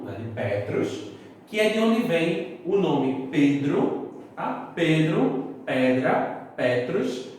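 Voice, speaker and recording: Lively, slow-talking male teacher in an echoey room. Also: on the high side, recorded from a distance, a little hiss or hum. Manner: explains step by step, checks in with students. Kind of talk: classroom lesson.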